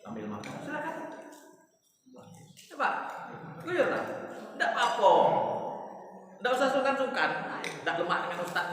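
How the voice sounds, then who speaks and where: A man giving a dawn sermon in a large mosque hall, now and then dropping to a slow hushed voice to show soft prayer. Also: high voice. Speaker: mosque preacher. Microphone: mosque microphone. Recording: very echoey hall, voice far from mic, faint hiss.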